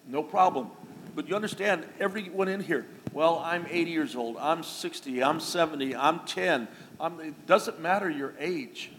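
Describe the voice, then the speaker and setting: Recorded in a church sanctuary with a long hall reverb and faint noise, a middle-aged pastor speaks at a moderate pace in a higher, fairly bright voice. He delivers his sermon in a folksy, conversational manner, adding asides and little jokes for the congregation.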